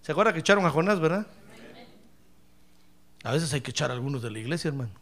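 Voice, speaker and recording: A male pastor preaching a sermon, addressing the congregation directly and swinging from hushed asides to shouts. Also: on the high side, animated, quick pace. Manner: acts out quoted voices and addresses congregation directly.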